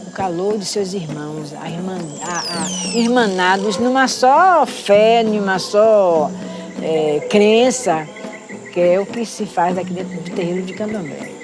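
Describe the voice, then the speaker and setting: A woman speaking reflectively in an interview, often pausing to search for her words. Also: medium pitch. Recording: music playing underneath.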